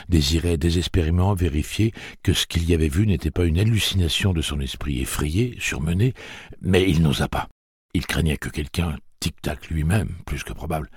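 A man narrating an audiobook with measured, expressive storytelling. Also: rumbling low, breathy edge, no room sound, studio quality.

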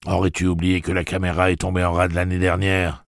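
A man voicing a sardonic adult man who speaks in a slow monotone drawl. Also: deep voice, vocal fry, no room sound, clean studio sound, voice pushed up.

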